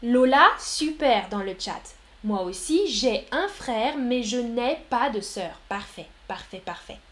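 A woman's voice: fairly high pitch, animated, fairly bright tone. A woman from France teaching French in a live online lesson, repeating words one by one and replying to viewers' chat. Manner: slow, deliberate, repeats single words for learners; reads and answers viewers' chat messages.

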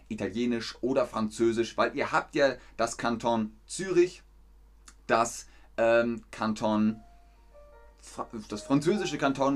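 A man hosting a live German lesson stream, reading viewer comments and quiz questions and cheerfully praising answers. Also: mid-range voice. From not from Switzerland. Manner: upbeat, praises viewers often. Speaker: German-teaching livestream host.

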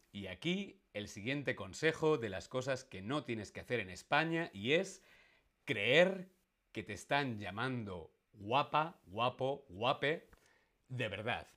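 Slow, playful male teacher. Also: mid-range voice, fairly bright tone. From Spain. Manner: asks the audience questions, playful; slow, careful pronunciation. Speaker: Spanish teacher streaming. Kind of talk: live-streamed language lesson.

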